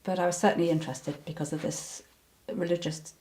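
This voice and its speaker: An older woman with a soft, mellow voice recalls her past in an unhurried interview. She hesitates often, restarts her sentences and fills the gaps with ums. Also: on the low side, fairly even intonation. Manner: hesitant, many ums and restarts, breaks into laughter. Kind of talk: reflective personal recollection.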